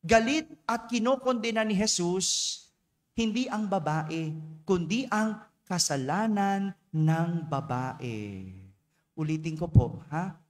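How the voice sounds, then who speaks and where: A Filipino priest giving a Mass homily with playful, teasing rhetorical questions. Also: male voice, high voice, takes it slowly. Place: church. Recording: long church reverb.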